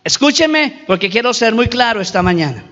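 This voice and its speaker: A man's voice: very high voice, big pitch swings, a little fast, fairly bright tone. A man preaching a sermon as pastor, emphatic, repeating and stretching key words. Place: church hall. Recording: reverberant hall, dull lo-fi recording.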